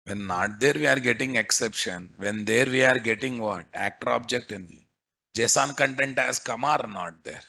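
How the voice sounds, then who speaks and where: A man with a Telugu accent teaches a live coding class, repeating himself and firing questions at his students. His mid-range voice is creaky, bright, and forceful, at a normal speed.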